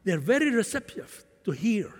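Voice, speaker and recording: A man's voice: sits high, sing-song, normal speed, darkish tone. A man who grew up in Syria, preaching a sermon with impassioned swings in volume. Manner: impassioned, rising and falling volume. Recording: long hall reverb.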